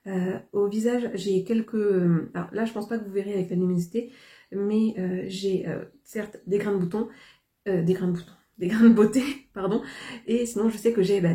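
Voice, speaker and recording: Hesitant French-speaking woman vlogger, mellow voice. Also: mid-range voice. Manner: hesitant, many fillers and restarts. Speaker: haul vlogger. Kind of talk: casual haul chat to camera.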